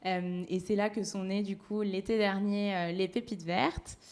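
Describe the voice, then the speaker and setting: A young woman in her twenties speaks live to an audience from a panel, telling her path with frequent fillers and restarts. Her voice sits at a middle pitch, and her way of talking is hesitant. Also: steady tone, a little slow, darkish tone. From France. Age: 20s.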